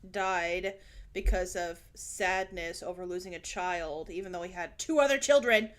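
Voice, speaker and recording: A woman co-hosting a casual book chat, excitable and rambling, often laughing. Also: lowish voice, moderate pace. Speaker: podcast co-host.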